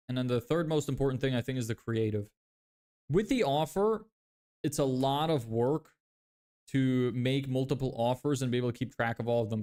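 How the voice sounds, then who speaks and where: Reading viewer questions during a casual livestream, a man in his twenties from Lithuania talks out loud about the business he's building, correcting himself often and using many fillers. His voice sits at an ordinary middle pitch and sounds smooth, clear, and darkish.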